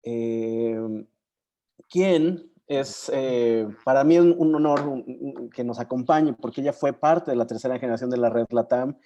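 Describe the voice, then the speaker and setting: A courteous man hosts an online learning session with a mellow, relaxed voice. He speaks over a video call, pausing and hesitating a little as he introduces people. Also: mid-range voice. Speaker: session moderator.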